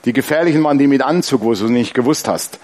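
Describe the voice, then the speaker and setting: A man's voice: medium pitch, quick pace. A man preaching a sermon, telling stories with laughter and asking the congregation questions. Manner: lively storytelling with laughs and congregation call-and-response. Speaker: pastor.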